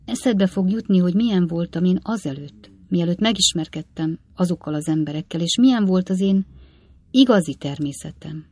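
A woman's voice: lowish voice, warm tone, slightly rough, no room sound. A woman voicing a dying wife in an audiobook. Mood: pleading. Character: dying wife pleading to be remembered.

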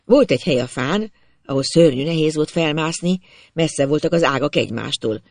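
A reader narrating a first-person storybook tale in an expressive storytelling manner. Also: mid-range voice, no echo.

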